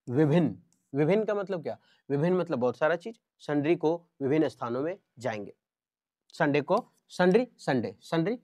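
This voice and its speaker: A man's voice: a little high, dry recording. A man teaching English vocabulary in through memory tricks, repeating words and acting out little scenes. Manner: animated, repetitive, acts out little scenes.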